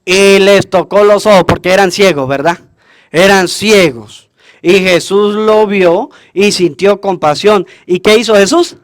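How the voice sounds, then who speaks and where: Priest with a high voice, dry close sound, teaching by question and answer during Mass. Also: male voice, a little slow, no echo. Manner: asks the congregation questions and answers them himself. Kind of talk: call-and-response homily at Mass.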